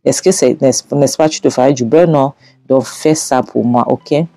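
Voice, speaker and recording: A woman's voice: a bass voice, moderate pace, dark tone, dry recording, faint music behind. A man voicing a scheming mother who gives coaxing, conspiratorial instructions over the phone in a spoken movie recap.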